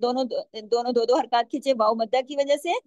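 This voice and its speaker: High-voiced woman teaching recitation. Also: steady tone, a little mellow, no room sound, lo-fi sound. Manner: patient, asks questions and answers them herself; stretches out recited words slowly. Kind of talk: step-by-step tajweed lesson.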